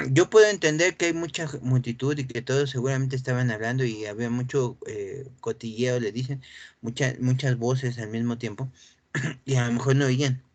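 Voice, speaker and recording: A man preaching with real animation, leaping up in pitch when he acts out the scripture scene. He often stops to clear his throat. The recording is dry and close, with little room sound. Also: fairly even intonation, moderate pace, dry recording. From Mexico. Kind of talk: sermon.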